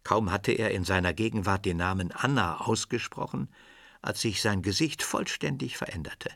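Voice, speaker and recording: A man narrating a radio drama in a measured, expressive storytelling manner. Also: on the low side, gravelly, dry recording, clean studio sound. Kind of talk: scripted literary narration.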